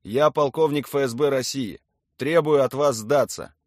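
A man's voice: medium pitch, normal speed, no room sound, studio quality, voice pushed up, natural voice. An audiobook reader voicing a stern male colonel who gives clipped, commanding orders. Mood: stern ultimatum.

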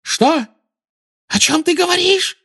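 A man voicing a frantic, fanatical witch who shrieks and pleads in a shrill, squealing voice, in an audiobook reading. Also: lively intonation, slow pace, gravelly, sharp tone, full character voice. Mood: shrieking.

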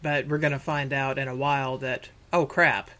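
A podcast co-host with a medium-pitched voice talks casually about science fiction. The delivery rambles and slips into imagined dialogue as it goes. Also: flat delivery, normal speed, pushed and bright. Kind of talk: casual chat about a sci-fi series.

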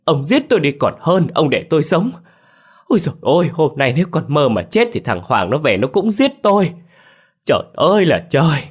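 A man voicing a frantic old grandmother who shouts and wails in despair, in a spoken ghost story. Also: brisk. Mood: wailing. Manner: shrill, shouting, lamenting.

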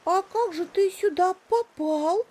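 A woman voicing an excitable little female monkey with squealing, surprised questions. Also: very high voice, takes it slowly, voice pushed up. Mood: surprised, teasing.

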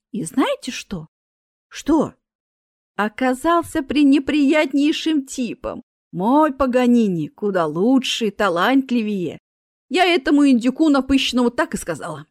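A woman voicing a chatty, fussy older cat owner who talks excitably. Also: high-pitched, no room sound, clean studio sound.

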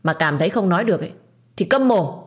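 Woman voicing a harsh storybook grandmother: loud, bossy, sharp-tongued. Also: lowish voice, expressive, brisk, natural voice. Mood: scolding. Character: harsh, scolding old grandmother.

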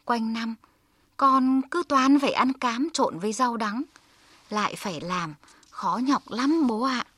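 A woman's voice: on the high side, unhurried, a bit bright, breathy edge, no echo, clean studio sound. A woman voicing a poor, overworked young man who speaks in a timid, pleading way. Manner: pleading, fearful. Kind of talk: storybook voice.

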